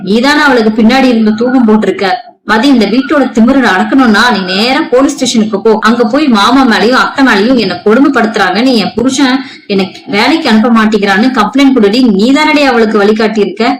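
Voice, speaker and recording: A woman's voice: a little high, fairly quick, lightly acted, rough recording. A woman playing a harsh scolding mother-in-law. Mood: angry scolding. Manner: sharp, accusing and scornful.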